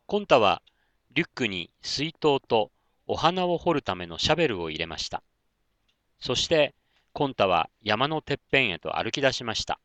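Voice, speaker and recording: A man narrating a children's story in a gentle, expressive manner. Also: medium pitch, normal speed, no echo.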